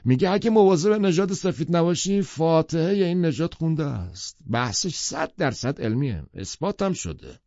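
A male narrator voicing a brash, opinionated wealthy man who lectures forcefully. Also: a little high, animated, few pauses, dry recording, lo-fi sound, pitched above the performer's own voice. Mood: blustering.

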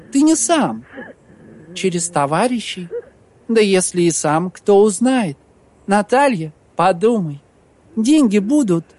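Мужчина читает за расчётливую озлобленную молодую жену хозяина, уговаривая холодно и настойчиво. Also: male voice, high voice, darkish tone, a little hiss or hum, voice pushed up. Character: scheming bitter young woman, innkeeper's wife.

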